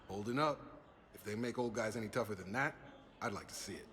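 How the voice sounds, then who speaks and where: A man's voice: on the low side, a little fast, sharp tone, slight background noise. A man playing a loyal, upbeat former soldier in a video game, talking in an easygoing, sincere and informal way. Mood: relaxed, warm.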